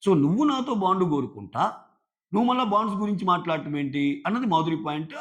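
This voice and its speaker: A man's voice: high voice, animated, fast, dull audio. A man reviewing a reality show in casual commentary, retelling scenes and quoting the contestants.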